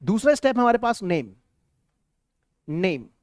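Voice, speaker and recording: A man teaching an English-speaking lesson to a class, animated and drilling words by repetition. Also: high-pitched, measured pace, no echo, clean studio sound.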